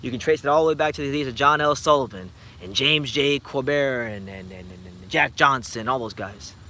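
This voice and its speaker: A man in his twenties hosting a boxing channel, chatting late at night and answering viewer comments in an animated, rambling way with many restarts. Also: medium pitch, fairly quick, slight background noise. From United States. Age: 20s. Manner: animated, rambling, frequent repeated starts. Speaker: YouTube boxing channel host.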